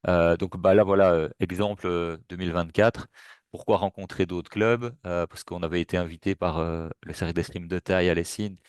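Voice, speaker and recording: A man's voice: low voice, steady tone, moderate pace, darkish tone, clear, resonant tone, dry recording, clean studio sound. A man presenting a webinar in a casual, hesitant way, with many fillers and restarts. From Belgium.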